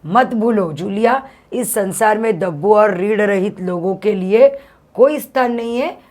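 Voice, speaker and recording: A woman reading out a stern stingy master of the house, lecturing, counting money out slowly, read aloud from a story in class. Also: medium pitch, darkish tone, natural voice. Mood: earnest. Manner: lecturing, drawn-out reckoning of money.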